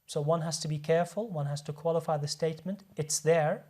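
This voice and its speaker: A doctor appearing as a guest in a studio discussion explains his points earnestly, often repeating words as he restarts sentences. His voice is a little high and warm, with a brisk pace and fairly even intonation.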